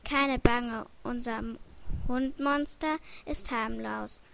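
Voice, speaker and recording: A woman voicing a stout, brisk innkeeper wife in a slow read-aloud storybook telling. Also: on the high side, fairly even intonation, gravelly, fairly bright tone, smooth, heavily acted.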